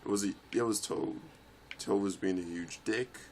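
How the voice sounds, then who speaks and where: A young man commentating his own kart racing gameplay, swearing and yelling in frustration at the game. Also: on the low side, moderate pace, a little hiss or hum. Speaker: let's play gamer.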